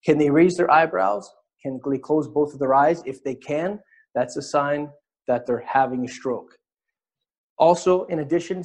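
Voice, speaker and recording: A man's voice: a little high, darkish tone. A man teaching a live webinar in a conversational way, demonstrating on an anatomy model as he explains. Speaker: webinar instructor.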